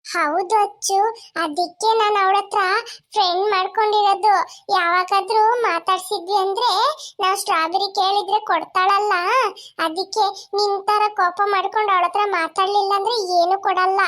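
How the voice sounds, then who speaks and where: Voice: very high voice, fairly even intonation, moderate pace, sharp tone. A scheming cartoon schoolgirl. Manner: scheming, persuasive. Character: scheming little girl friend, sweet-toothed.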